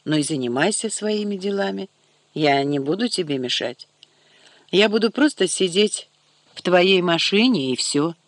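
A man's voice: high voice, lively intonation, normal speed, a bit bright, no room sound. A man playing a sarcastic, stubborn young woman. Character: sharp-tongued stubborn young woman, jumpy.

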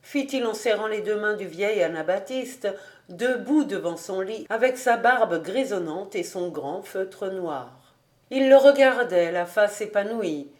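A woman reading a classic novel aloud as an audiobook, in calm, deliberate storybook narration. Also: medium pitch. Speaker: audiobook reader.

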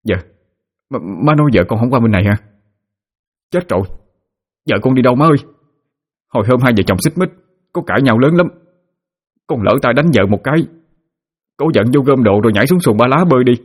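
A man's voice: medium pitch, a little fast, long pauses, warm tone, voice pushed up, natural voice. A man with a Southern Vietnamese accent voicing a frantic, hot-tempered young husband who stammers anxiously.

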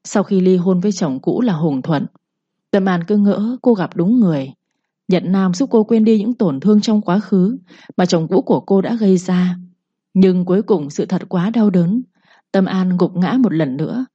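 A woman's voice: fairly low pitch, normal speed, dark tone, husky, dry recording, dull audio. A woman narrating a dramatic audio story, voicing every character herself with little change.

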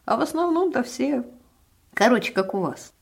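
A woman voicing a brash, slangy male police officer who speaks bluntly and loudly. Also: on the high side, expressive, normal speed, vocal fry, husky, voice pushed up, full character voice. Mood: blunt, cocky.

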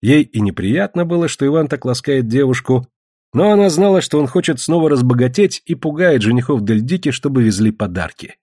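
A man reading a novel aloud as narrator, in steady, expressive storytelling. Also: medium pitch, a little fast, slightly rough, no echo, clean studio sound. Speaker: audiobook reader. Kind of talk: scripted literary narration.

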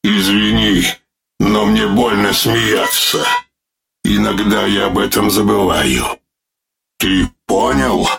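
A man's voice: fairly even intonation, over loud music, heavily acted. A man voicing a droning metallic severed head. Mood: amused. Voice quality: droning metallic voice, lacking naturalness; gravelly, low. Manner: slow, pained, coldly mocking. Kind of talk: audiobook character voice.

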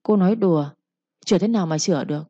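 A woman's voice: on the low side, mellow, slightly rough, dry recording. A woman voicing a callous young village man who rebuffs his lover with contempt. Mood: contemptuous. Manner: dismissive, contemptuous, fast. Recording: dull lo-fi recording.

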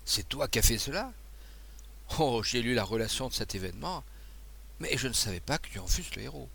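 A male reader as a kindly, excitable abbé; flustered, stammering, lively swings in pitch. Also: a little fast, vocal fry. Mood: chatty. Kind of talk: audiobook dialogue.

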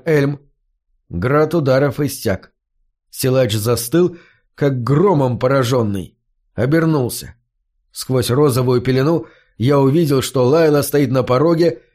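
Guy reading a fantasy novel aloud, steady and measured. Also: medium pitch. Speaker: audiobook narrator. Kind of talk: scripted storybook narration.

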